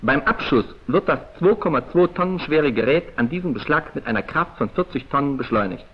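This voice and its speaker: This man narrates a 1940s training film, his voice coming through a muffled, dull old soundtrack. He talks fairly quickly, pitched on the high side with a husky edge and lively shifts in tone, declaiming in a crisp, formal, exact way.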